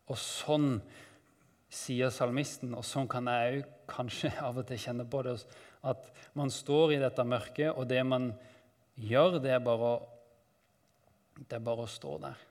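Male Bible teacher, mid-pitched, conversational sermon delivery, calm, phrases trailing off quietly. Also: big-room sound.

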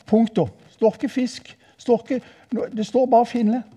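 A man's voice: very high-pitched, breathy edge. An older man from southern Norway with a southern Norwegian accent, preaching a sermon in a mission hall and telling the story vividly. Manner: lively storytelling, voice rising for quoted exclamations.

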